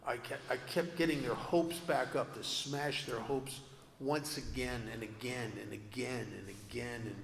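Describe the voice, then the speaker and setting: In a long-reverb, echoey hall, a recovery convention speaker gives an earnest, confessional personal talk laced with self-deprecating humor. His mid-range voice is creaky and fairly even in intonation, a little slow, with slight hiss or hum on the recording.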